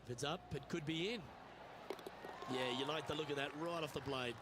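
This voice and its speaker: A man's voice: on the high side, normal speed, background noise, close to an everyday voice. A man giving polished broadcast play-by-play commentary in a golf video game. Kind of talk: sports commentary.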